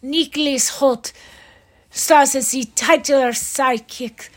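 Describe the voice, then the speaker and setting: A woman putting on a slow, breathy, spooky vampire voice while reading the news. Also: high voice, steady tone. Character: slow, creepy vampire-styled news teller.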